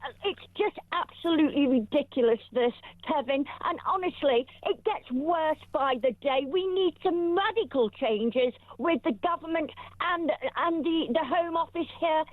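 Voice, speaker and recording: A woman's voice: high-pitched, normal speed, hardly any pauses, no room sound. A woman calling in to a radio show, giving her political opinions in an indignant, emphatic and aggrieved manner. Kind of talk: phone-in opinion, political complaint. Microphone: telephone. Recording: thin telephone line.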